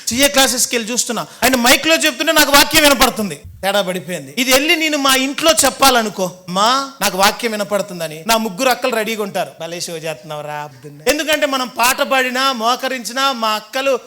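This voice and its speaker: Fast, bright-voiced pastor telling his story. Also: very high-pitched. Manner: animated storytelling, acting out quoted voices. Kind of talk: sermon testimony.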